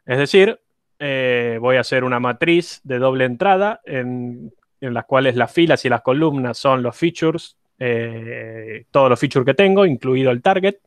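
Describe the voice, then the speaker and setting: A man's voice: mid-range voice, measured pace, no echo. A man teaching an online university class, explaining step by step and putting questions to his students. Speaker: university lecturer.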